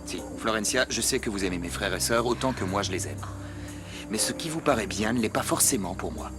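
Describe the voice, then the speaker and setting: An actor playing a stern, formal young head of a household in a French TV dub. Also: male voice, on the low side, lively intonation, brisk, music in the background, natural voice.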